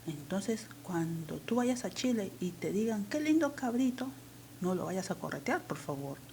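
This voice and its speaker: A woman's voice: on the low side, lively intonation, normal speed, creaky, a little mellow, slight background noise. A woman teacher with a Peruvian accent, patiently explaining a language lesson step by step. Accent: Peruvian Spanish.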